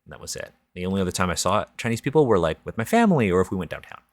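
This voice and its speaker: Very animated and very fast, this low-voiced man hosts a podcast with no echo. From Toronto and speaking with a Canadian accent, he chats casually in a candid, informal, reflective way.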